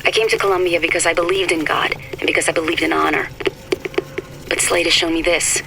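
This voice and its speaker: A man's voice: on the high side, level tone, a little fast, gravelly. A man playing a solemn, disillusioned idealist in a video game, giving a diary monologue on an old filtered recording. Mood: solemn resolve. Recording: noisy crackling old audio-log recording.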